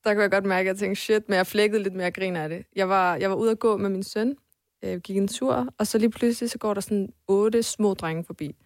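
A woman's voice: medium pitch, fairly even intonation, dry recording, studio quality. A young woman guest on a podcast, chatting casually, swearing freely and laughing things off.

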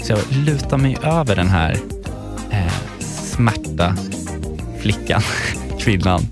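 A man's voice: fairly low pitch, lively intonation, over music. A man in his twenties co-hosting a casual podcast, telling a long anecdote in a rambling way and acting out the quoted lines. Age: 20s. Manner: rambling storyteller who acts out the quotes. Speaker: podcast co-host.

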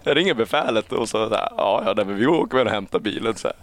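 A man in his thirties, a police officer, telling a story in casual conversation, laughing often and acting out his own panicked shouts. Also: lowish voice, expressive.

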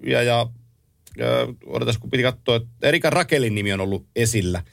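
A man co-hosting a casual hockey chat, leading the topics and listing teams briskly. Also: mid-range voice, vocal fry. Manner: runs the segments, lists teams briskly.

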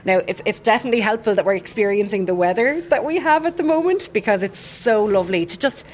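A woman's voice: medium pitch, lively intonation, fast talker. A woman with a Waterford Irish accent, chatting casually and enthusiastically as an interview guest. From Waterford, Ireland. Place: hotel, on location. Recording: faint background ambience.

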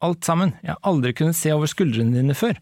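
A man reading aloud the lines of a curious young boy from a book, in his own gravelly voice. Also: fairly high pitch, animated, a little mellow, no room sound, clean studio sound, voice pushed up.

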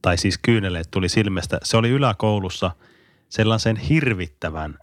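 A man with a deep voice co-hosts a casual podcast. He is recorded dry and close. He reminisces thoughtfully and laughs easily. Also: expressive, dry recording. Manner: reflective storyteller, laughs easily. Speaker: podcast co-host, teacher.

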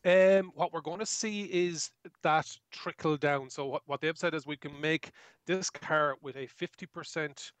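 A man's voice: a little high, steady tone, a little slow, smooth, no room sound. A man talking conversationally as a guest electric car reviewer, explaining tech with enthusiasm and voicing little examples.

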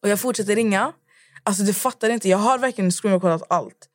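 Animated young woman telling a story. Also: medium pitch, no echo, studio quality. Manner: animated storyteller, acts out both sides of chats. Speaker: podcast co-host. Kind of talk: casual chat.

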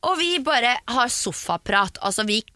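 Young woman, bright dry close-mic voice, lively storyteller acting out quotes. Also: fairly high pitch, no room sound. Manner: animated retelling with quoted dialogue. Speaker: podcast guest. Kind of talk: casual storytelling chat.

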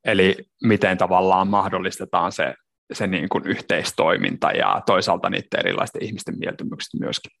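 Podcast co-host, male, deep gravelly voice, thoughtful conversational delivery. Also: steady tone, fairly bright tone. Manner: reflective, with many restarts and fillers. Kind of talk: casual discussion on work culture.

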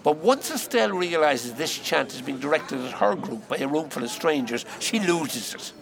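An actor playing a cocky, wisecracking male pub piano player, telling his story with lively mimicry. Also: fairly high pitch, normal speed, creaky, a crowd in the background.

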